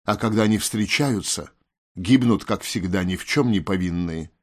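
A man narrates a fantasy audiobook in a measured, slightly wry manner. His voice sits low. The reading is even and unhurried.

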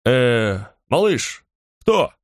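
A man's voice: medium pitch, sing-song, drawn-out words, no room sound, studio quality. A man voicing a large, elderly baker who hesitates and stammers, afraid of his past, in a storybook reading. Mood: puzzled. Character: huge, nervous, older male baker hiding his past.

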